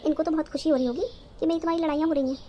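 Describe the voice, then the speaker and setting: A woman's voice: sits high, brisk, muffled recording, slight background noise, close to an everyday voice. A woman voicing a quarrelsome, resentful young wife in a cartoon story, scolding and sarcastic. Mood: angry.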